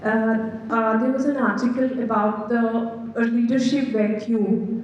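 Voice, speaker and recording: A woman questions a lecturer from the audience. She is polite and hesitant, in a fairly high voice. Strong hall echo and light noise surround her. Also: steady tone, measured pace, a little mellow, muffled recording. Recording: very echoey hall with background noise.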